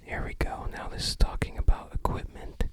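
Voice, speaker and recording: An ASMR creator presents items to the viewer in a whisper, taking her time and musing aloud with a touch of hesitation.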